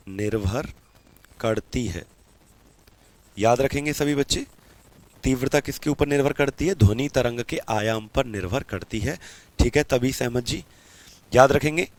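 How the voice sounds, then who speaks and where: A man teaches a live online physics lesson at a middle pitch, recorded close and dry with no room sound. He asks a question, then answers it himself. He slows right down when he dictates notes. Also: no echo. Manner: repeats questions and answers them himself, calls students beta.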